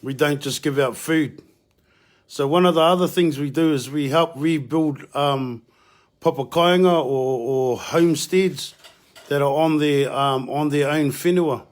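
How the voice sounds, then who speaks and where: Higher-voiced New Zealand man, Māori English accent. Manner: informal and halting, with Māori words mixed in. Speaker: community housing helper hosting a live video. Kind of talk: casual live vlog talk.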